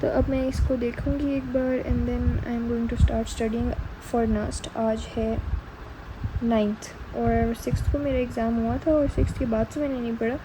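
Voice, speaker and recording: Young pakistani girl vlogging, slow easygoing chatter, a bit high, mixes urdu n english. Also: fairly even intonation, noisy background. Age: young adult. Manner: chatty, mixing Urdu and English mid-sentence. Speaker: student vlogger. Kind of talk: casual vlog voice-over.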